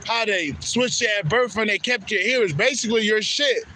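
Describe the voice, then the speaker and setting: A man's voice: high voice, a little fast, sharp tone, a little hiss or hum. A man from Haiti giving a rambling, profane spiritual monologue that repeats itself. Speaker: spiritual vlogger.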